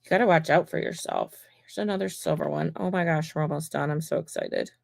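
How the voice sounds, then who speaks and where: An adult woman, a mosaic artist, hosts a livestream and chats casually to viewers as she works, rambling as she crafts. Her voice is deep, a little fast, and creaky, captured as clean studio sound with no room sound.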